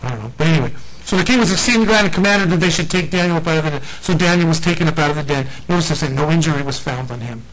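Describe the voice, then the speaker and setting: A man's voice: on the high side, racing, few pauses, low-quality recording. A man preaching a casual sermon, retelling scripture with playful acted-out voices and frequent laughter. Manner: animated storyteller, acts out lines in slangy voices, laughs often.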